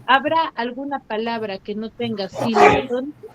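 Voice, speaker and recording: A woman's voice: fairly high pitch, moderate pace, very noisy. A woman teaching an online class, quizzing pupils and stretching out syllables for emphasis, heard over a video call mic. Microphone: computer mic on a video call. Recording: slightly muffled online call audio.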